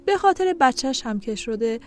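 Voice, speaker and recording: A woman's voice: high-pitched, lively intonation, darkish tone. A woman voicing a blunt, insistent adult man on the phone in an audio story, in a firm, pressing way.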